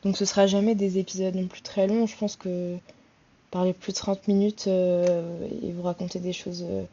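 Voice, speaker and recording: A woman in her twenties from France hosts a solo podcast, talking casually but hesitantly with many fillers and restarts. Her voice is on the low side and warm, with a level tone at normal speed, and the highs are cut off.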